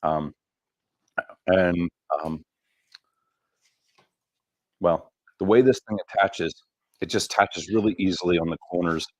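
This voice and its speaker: A man's voice: low-pitched, no room sound. A man hosting a live stream for his gear company, casually explaining how a hammock works, with many ums along the way.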